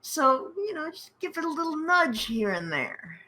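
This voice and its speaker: A woman playing a tabletop game, chatting in lively, joking banter. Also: sits high, normal speed, a little hiss or hum. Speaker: player. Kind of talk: casual role-play banter.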